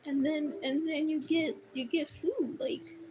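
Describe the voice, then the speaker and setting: Giggly high-voiced woman chatting slowly. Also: warm tone, slight background noise, poor audio. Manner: giggly, playful, teasing, stumbles over repeated words. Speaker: artist streaming a drawing session. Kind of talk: casual chat while drawing.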